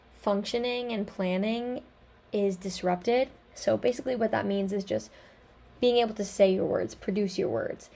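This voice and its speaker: A woman's voice: mid-range voice, creaky, mellow. A young woman giving a class presentation, talking casually with frequent ums and likes. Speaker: student presenter.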